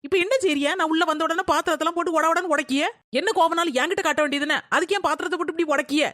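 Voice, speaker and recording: An indignant young daughter-in-law, played by a woman, argues back quickly in a high voice. She defends herself hard, and the recording is dry and close. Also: steady tone, fairly bright tone, no room sound. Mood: exasperated. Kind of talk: family quarrel skit acting.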